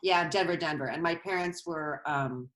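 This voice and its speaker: A middle-aged stage actress from Colorado, USA, joins a casual interview as a guest over a video call from her bedroom at home. Her voice is low-pitched and fairly bright at a normal speed, and she rambles and restarts while telling stories.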